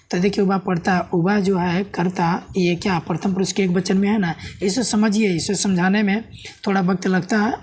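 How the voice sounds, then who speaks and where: A man's voice: sits high, darkish tone, a little hiss or hum. A man teaches a Sanskrit grammar lesson step by step. He keeps asking the viewer questions and checking "है ना?". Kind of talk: classroom-style video lesson.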